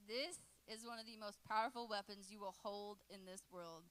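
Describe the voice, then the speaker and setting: A young woman in her late twenties gives a youth group talk. She is relaxed and jokes with the teens. Her voice sits at a middle pitch. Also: moderate pace, poor audio. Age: 20s. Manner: lively and joking, chatting with teens in the room. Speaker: youth pastor.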